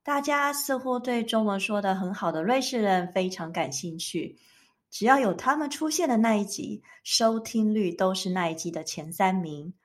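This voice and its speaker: A woman hosts a podcast interview in an expressive way, reacting with exclamations. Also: mid-range voice, normal speed. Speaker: podcast host.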